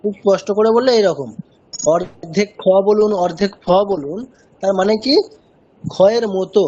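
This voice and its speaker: A man's voice: high voice, moderate pace, darkish tone, dull audio, slight background noise. A man teaching a pronunciation lesson in an online class, patiently repeating sounds to demonstrate them. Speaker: chanting teacher.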